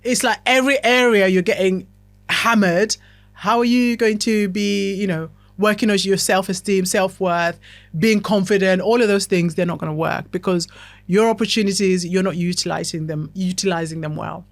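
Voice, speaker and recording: A woman's voice: medium pitch, fairly even intonation, moderate pace, no room sound. Chatty woman podcast host, dry sound. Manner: chatty, self-described chatterbox, keeps checking in with "okay?". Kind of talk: motivational self-help talk.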